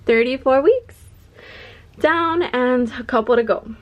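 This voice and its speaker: A woman's voice: high-pitched, slow pace, highs cut off. Breathless, chatty young woman vlogging. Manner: chatty and excited, frequent "like". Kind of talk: casual vlog chat to camera. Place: bedroom at home.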